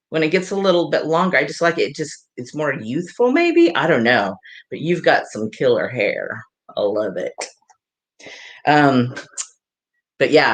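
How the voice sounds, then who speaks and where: A woman hairdresser giving a live hair tutorial, chatting and laughing with viewers in a rambling way. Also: extremely low pitch. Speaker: hairdresser and salon owner.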